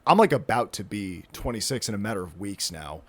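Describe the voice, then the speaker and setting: A man's voice: on the low side, lively intonation, a little fast, breathy edge. A man in his twenties hosting a solo podcast, rambling casually with lots of fillers, restarts and the odd swear word. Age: 20s. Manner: rambling, self-interrupting, many fillers and restarts; casual, swears, says dude and bro. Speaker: podcast host. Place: indoors, with a thunderstorm rolling in outside.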